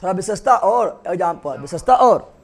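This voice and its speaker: A high-pitched young man teaching biology. He keeps firing quick questions at the class and repeats key terms until they stick. His tone is that of a classroom lecture. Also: animated.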